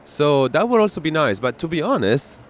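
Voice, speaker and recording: A man's voice: a little high, very animated, brisk, a little hiss or hum. A man, streaming a flight simulator and chatting casually with his viewers, often answering their messages and laughing easily. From Italy. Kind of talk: casual live-stream chat. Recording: music playing behind.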